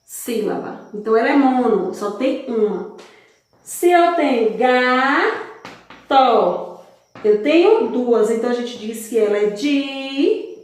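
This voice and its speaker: A woman teacher talks to young children in a slow, patient way, her fairly high voice rising and falling in a lively sing-song. She asks questions and answers them herself, stretching syllables apart one by one. The room around her rings with a strong, hollow echo. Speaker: primary school teacher. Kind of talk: recorded lesson for young children. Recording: very echoey room.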